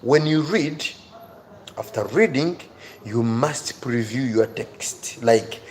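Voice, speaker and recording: Speaking slowly in a mid-range voice, a man hosts a livestream lesson on English reading skills. He talks straight to his viewers, emphatically repeating phrases as he pleads with and encourages them, against clear background noise.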